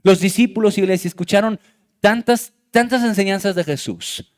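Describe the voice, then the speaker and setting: A man's voice: sits high, moderate pace. A male pastor preaching a fervent sermon in a church, speaking directly to his congregation with a Mexican Spanish accent. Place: church sanctuary.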